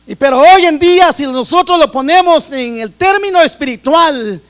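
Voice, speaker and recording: A man's voice: very high voice, normal speed, fairly bright tone. A man from Guatemala with a Guatemalan accent, preaching a sermon in an earnest way, often repeating and restarting phrases. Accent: Guatemalan Spanish.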